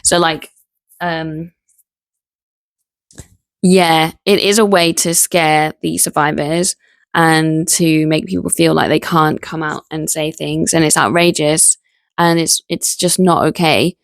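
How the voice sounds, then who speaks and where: A woman talking in a casual vlog, indignant and animated, spelling out sensitive words letter by letter and laughing in disbelief. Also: sits low, takes it slowly, vocal fry, no room sound, studio quality. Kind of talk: casual spoken vlog monologue.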